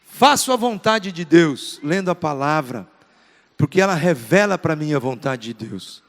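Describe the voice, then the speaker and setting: A middle-aged Brazilian pastor delivers a sermon in a high, ringing, slightly bright voice, his words trailing into the long reverb of a large church hall. Unhurried but with lively intonation, he's earnest and emphatic, repeating short phrases to drive his points home.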